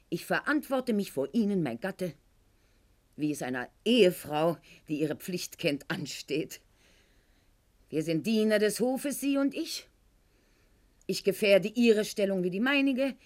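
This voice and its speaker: In a radio play, an actress portrays a proud, aging aristocratic wife at court, speaking in a formal, precise, haughty theatrical declamation. Her female voice is medium in pitch and only lightly acted, with an icily formal mood.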